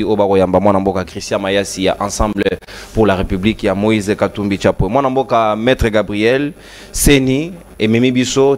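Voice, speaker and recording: A man from Congo hosts a TV talk show in a somewhat low voice. He reads out names and callers and asks pointed questions. He mixes French and Lingala. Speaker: TV show host.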